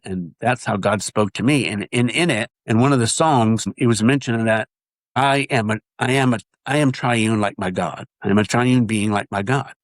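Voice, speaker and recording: The audio is poor, though echo-free, as a man with a nasal, mid-range voice talks through his testimony in an informal interview. He speaks earnestly, frequently stopping to restart his sentences.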